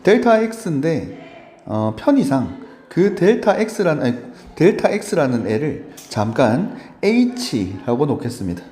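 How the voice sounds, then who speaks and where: A male math teacher giving a lively lecture, chatty and often checking in with his students. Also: on the high side, drawn-out words. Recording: roomy echo.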